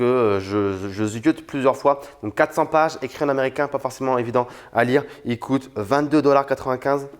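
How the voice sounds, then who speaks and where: Young man from France, casual vlogger, chatty and unpolished. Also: medium pitch. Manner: chatty, frank, many fillers and restarts. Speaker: youtuber reviewing books. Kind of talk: casual talk to camera.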